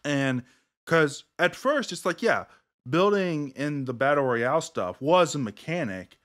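A man hosting a casual podcast chat, acting out gamers' quotes in a lively way. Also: unhurried. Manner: animated, acts out gamers' quotes in a higher voice. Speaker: podcast host. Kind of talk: casual chat over beers.

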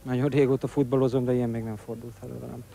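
Mellow-voiced man in a post-match interview. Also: mid-range voice, level tone, vocal fry. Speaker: football player being interviewed. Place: outdoors on a football pitch. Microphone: handheld reporter microphone. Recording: outdoor interview with faint noise.

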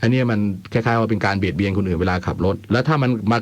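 A man's voice: lowish voice, rapid-fire, dry recording. A man hosting a radio programme in an informal way, with wry asides, as he chats and reads. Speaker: radio host. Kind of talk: radio phone-in chat and letter reading. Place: dry radio studio.

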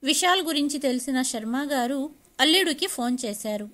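Woman narrator for a family drama story; steady, even delivery, bright and high. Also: normal speed.

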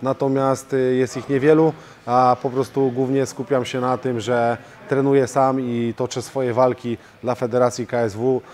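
A man in his own martial arts gym answers interview questions, speaking as a fighter and coach. His pitch sits at an average height and barely moves, which gives a flat, even delivery. He fills pauses with drawn-out hesitations as he gathers his thoughts. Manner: steady, level delivery with hesitation fillers.

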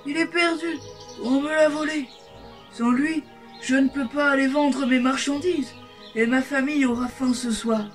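A woman's voice: sits high, steady tone, measured pace, recorded from a distance, faint music behind, voice pushed up. A woman voicing a pleading old peasant man who has lost his donkey.

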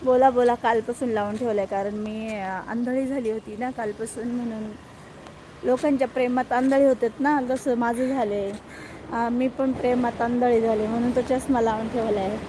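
A woman's voice: on the high side, fairly even intonation, normal speed, warm tone, slight background noise. A woman hosting a live stream in casual chat, greeting viewers by name and teasing them playfully. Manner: playful, jokes about herself.

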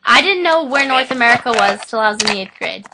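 A teenage girl co-hosting a livestream, bubbly and excitable in casual chat. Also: on the high side, quick pace, creaky. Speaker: livestream co-host. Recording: loud background noise.

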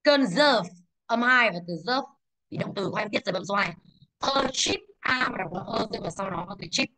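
A young woman teaching English, briskly walking through exam answers and asking the class questions she then answers herself. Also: mid-range voice, expressive, bright, forceful tone, rough recording.

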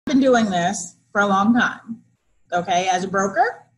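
A woman's voice: mid-range voice, normal speed, low-quality recording. A woman who works as a real estate broker, giving an upbeat testimonial in a storytelling way.

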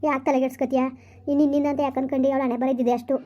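A woman's voice: sits high, flat delivery, rapid-fire, mellow, muffled recording, natural voice. A woman playing a young woman who is eager to marry a grieving man, coaxing and impatient. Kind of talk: village skit acting.

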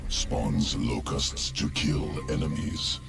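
Deep, clinical alien creature. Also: male voice, slow, vocal fry, over music, exaggerated voice. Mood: detached. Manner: clipped, detached, telegraphic phrasing. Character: clinical, emotionless alien evolution scientist creature.

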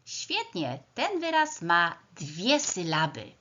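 A woman teaching young children to read speaks very slowly and sounds out each word letter by letter. Her voice is bright and a little low, and the recording is dull and lo-fi. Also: wildly swooping pitch. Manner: slow, sounding out words letter by letter. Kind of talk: first-grade reading lesson.

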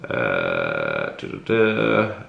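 A fitness coach in his thirties answers viewer questions in a casual Q&A vlog, relaxed and full of fillers and restarts. His voice is low and creaky, with drawn-out words and a slightly runny nose. A camera in front catches him in an echoey home room, and the recording sounds muffled.

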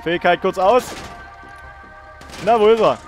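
A man's voice: sits high, measured pace, soft background music. A young man hosting a let's play, joking and swearing in casual commentary while talking to his viewers.

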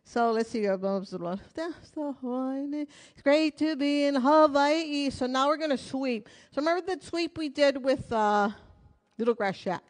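In a small indoor room with curtains and a wooden floor, a middle-aged woman with a high voice leads a hula class while dancing herself. She talks at a moderate pace, counting beats and half-singing lyrics, chatty and playful with plenty of jokes and asides.

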